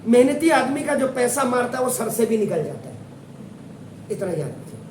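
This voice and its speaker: Preachy Indian maths teacher, echoey classroom. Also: male voice, extremely high pitch, very animated, moderate pace, a little mellow, a little hiss or hum. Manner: preachy, switching between English and Hindi, sarcastic asides. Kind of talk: classroom lecture with moral lecturing. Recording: echoey room, mic far off.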